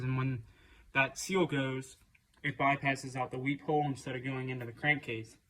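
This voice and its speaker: Flat-toned man, plain-spoken home mechanic. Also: medium pitch, slight background noise, low-quality recording. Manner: plain, matter-of-fact mechanic talk. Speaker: home mechanic presenting a dirt bike engine rebuild. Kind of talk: casual how-to vlog narration.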